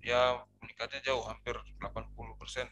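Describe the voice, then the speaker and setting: Man, bright edgy voice behind a face mask, informal video-call talk. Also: medium pitch, level tone, brisk, a little hiss or hum. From Papua, eastern Indonesia. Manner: speaking through a face mask. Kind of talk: casual chat on a group video call. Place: office.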